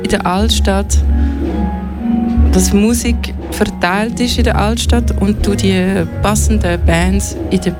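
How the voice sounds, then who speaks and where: A woman's voice: medium pitch, steady tone, slow pace, over loud music. A young woman with a Swiss German accent, a radio guest chatting at length about her booking internship. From Switzerland. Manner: chatty, rambling explanations.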